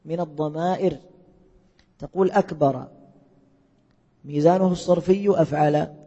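A man's voice: on the high side, normal speed, mellow, husky. A man teaching a class, quizzing students and repeating their answers back to them. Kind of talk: classroom lesson with questions to students. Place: lecture hall. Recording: echoey hall, muffled lo-fi sound.

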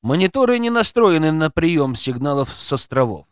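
A male narrator reads an audiobook in a fairly high voice that swings up and down with animated intonation. His delivery is dramatic and expressive. The recording is dry and close, with no room sound. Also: normal speed, clean tone, dry recording.

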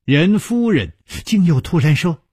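Slow, lively male storyteller. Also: on the high side, husky, dry recording, studio quality. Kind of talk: storytelling broadcast.

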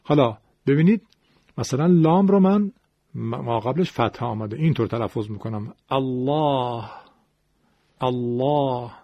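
A man teaching Quran recitation rules, explaining in a measured way and demonstrating how each sound is made. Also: mid-range voice, lively intonation, creaky, breathy edge, dry recording, lo-fi sound. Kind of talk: classroom lecture on recitation rules.

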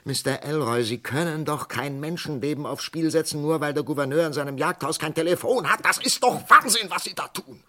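In a German radio crime drama, a male actor voices a psychiatrist who is agitated and morally outraged, speaking urgently and haltingly. His voice is a little high, pushed and bright, with lively intonation.

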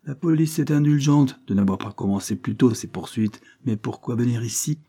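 A man's voice: mid-range voice, moderate pace, mellow, slightly rough. A man reading aloud voices a brusque, stern old spinster who scolds curtly. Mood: stern scolding. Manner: curt and scolding.

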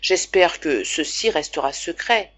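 Gentle composed young prince, soothing words, storybook figure, read by a woman with a lowish voice, pitch-. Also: expressive, unhurried. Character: calm, soothing, generous young male prince.

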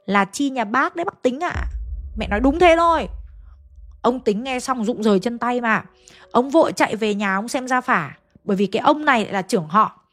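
A woman narrating a ghost story in a casual, chatty way, speaking directly to her listeners with folksy asides. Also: medium pitch.

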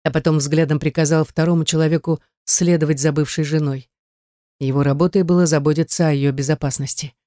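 An audiobook narrator reading a romance novel in a steady, even storytelling voice. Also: mid-range voice, a little fast, no room sound, studio quality. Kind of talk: scripted narration.

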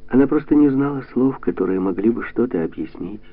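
A man calmly reading a literary novel aloud in a measured, even way. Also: medium pitch. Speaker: audiobook narrator. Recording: tinny lo-fi radio sound.

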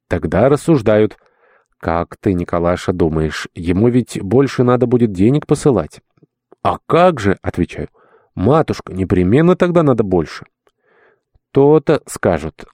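For this audiobook character, the narrator raises his pitch above his own and lightly acts the part of an elderly male dwarf servant, humble and sentimental, fussing with obsequious old-world courtesy. His medium-pitched voice is warm, captured in a clean, dry studio recording.

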